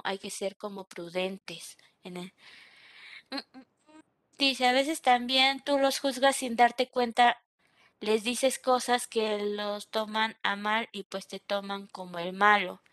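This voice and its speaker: A Mexican woman in her young adult years leads an online class, talking in a chatty, lively way and checking in with her listeners. Her voice is bright and sits fairly high. The sound is dry and close. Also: no echo. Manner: lively, chatty, asks "¿no?" often. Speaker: teacher.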